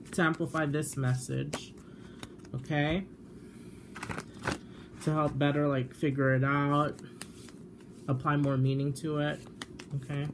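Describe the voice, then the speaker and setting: A tarot card reader with a creaky, medium-pitched voice talks casually to the camera over a noisy background. The chatty delivery is full of fillers and self-corrections, and the reader sometimes drifts away from the mic while shuffling.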